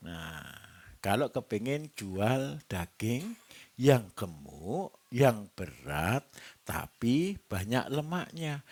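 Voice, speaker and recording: A man with a Javanese accent gives a livestock-farming seminar, quizzing the audience and joking as he goes. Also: medium pitch. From Java. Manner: lively, quizzing the audience with jokes. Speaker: livestock trainer. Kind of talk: seminar talk to a live audience.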